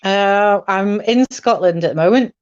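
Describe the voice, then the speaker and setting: A woman's voice: mid-range voice, measured pace, a little mellow. A woman appearing as a guest, giving brief, polite conversational answers over a call. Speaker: guest waiting for a reading. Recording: dull lo-fi call audio.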